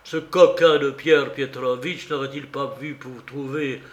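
A man reading a loud, tipsy young student. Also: mid-range voice, steady tone, a little slow, natural voice. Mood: hushed urgent. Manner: loud and blustering. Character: boisterous drunk young student. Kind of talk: audiobook character reading. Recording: roomy recording.

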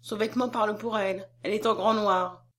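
A woman's voice: mid-range voice, fairly even intonation, a little fast, fairly bright tone, slight background noise, close to an everyday voice. A woman voicing a frightened, devout peasant nurse. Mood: gentle. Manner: exclaiming, anxious and devout. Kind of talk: audiobook character reading.

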